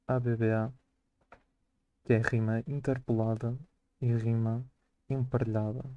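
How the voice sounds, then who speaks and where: Teen boy, school poem analysis, monotone and mellow, dry close sound. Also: medium pitch, no room sound. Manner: flat, careful reading with hesitant restarts. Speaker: student presenting a poem. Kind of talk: poetry reading and school analysis.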